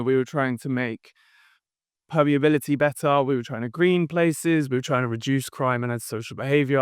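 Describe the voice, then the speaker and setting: Man, smooth clear voice. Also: fairly high pitch, no room sound, clean studio sound. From London. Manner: thoughtful, explanatory, with frequent fillers. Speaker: podcast guest, company founder. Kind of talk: conversational interview answers.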